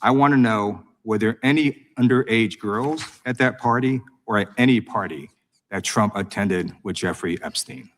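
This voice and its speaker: A man's voice: on the low side, moderate pace, fairly bright tone. An American man questioning a witness at a formal hearing as a congressman, prosecutorial, insistent and accusatory. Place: government hearing room.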